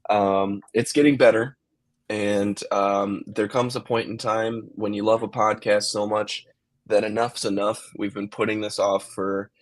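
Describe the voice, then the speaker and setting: A man's voice: lowish voice, level tone, measured pace, no room sound. A young man co-hosting a casual podcast while sick with a cold, rambling with many fillers and apologies. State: has a cold. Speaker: podcast co-host. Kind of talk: casual chat.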